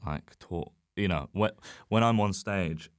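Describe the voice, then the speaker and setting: Smooth and deep, a man's voice moves at a measured pace as he chats casually as a comedian guest on a podcast. He rambles, swears and puts himself down, and the studio-quality audio has no room sound.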